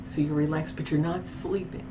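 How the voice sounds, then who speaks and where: A woman's voice: low-pitched, fairly even intonation, normal speed, background noise. A woman telling a paranormal story in a casual, rambling vlog with many restarts and asides. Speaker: paranormal vlogger.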